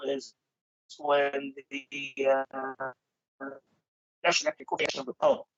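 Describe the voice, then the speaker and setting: A man talking on a video call whose audio is corrupted and keeps cutting out, speaking haltingly with many fillers. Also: medium pitch, fairly even intonation, dry recording, dull audio. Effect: corrupted, glitchy audio cutting out over a bad connection. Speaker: guest on a video call panel. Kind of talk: casual conversational interview.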